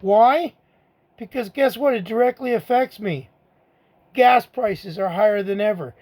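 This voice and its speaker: A middle-aged man vlogs a blunt, angry political rant to the camera, repeating his own rhetorical asides. His voice is high-pitched and a little mellow, at a moderate pace.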